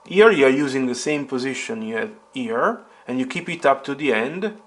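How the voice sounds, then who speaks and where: A man's voice: mid-range voice, animated, moderate pace, a bit bright. A man teaching piano step by step, patiently naming notes and fingerings and repeating the key points. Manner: names notes and fingerings aloud.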